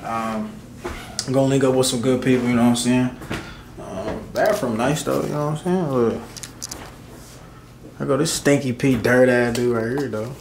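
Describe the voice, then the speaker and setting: A young man in his twenties vlogging to a camera held at arm's length. His talk is laid-back and full of slang, and his speech fillers come easily. Steady background noise sits under his voice. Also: mid-range voice, moderate pace, creaky, long pauses, recorded from a distance. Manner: laid-back slangy talk, lots of "you know what I'm saying". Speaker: rapper vlogging a road trip. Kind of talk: casual vlog talk to camera. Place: car and hotel room.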